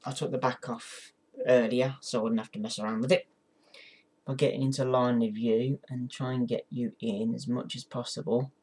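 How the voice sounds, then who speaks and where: A man's voice: medium pitch, darkish tone. A man talking casually through an instructional vlog, hesitant and apologetic, with encouraging words for his viewers. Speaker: amateur ventriloquist giving a tutorial.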